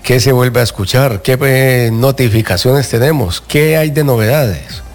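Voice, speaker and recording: A man's voice: mid-range voice, measured pace. Effusive male radio host over music. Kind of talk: upbeat music-radio hosting, chatting with a guest.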